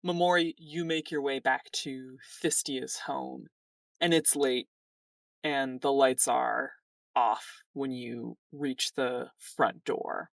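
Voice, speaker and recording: A woman narrating a tabletop game as game master, in calm, descriptive narration. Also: extremely low pitch, slow, vocal fry, dry recording, clean studio sound, far from the mic.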